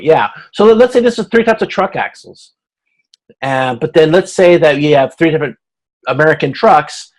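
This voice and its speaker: Over a video conference, a man teaches an informal class, explaining his slides one step at a time in a hesitant manner and making sure people understand. He has a mid-range voice, and the audio quality is poor.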